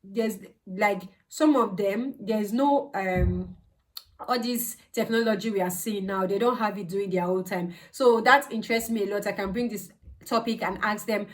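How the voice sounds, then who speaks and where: A woman from Nigeria with a Nigerian accent gives a casual explanatory vlog talk, conversational and emphatic, often repeating words for stress. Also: mid-range voice. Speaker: vlogger, healthcare assistant. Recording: voice distant from the mic.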